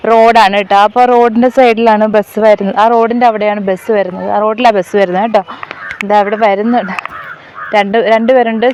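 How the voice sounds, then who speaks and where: A woman's voice: mid-range voice, a little mellow, a little hiss or hum. A young woman and mother chatting casually in a family vlog, coaxing and teasing small children.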